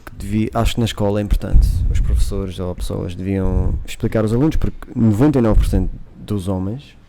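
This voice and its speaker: A man's voice: on the low side, fairly even intonation, fairly quick, gravelly, background noise. A man with a European Portuguese accent, hosting a casual chat and talking candidly with jokes. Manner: candid, jokey, confessional. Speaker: podcast host.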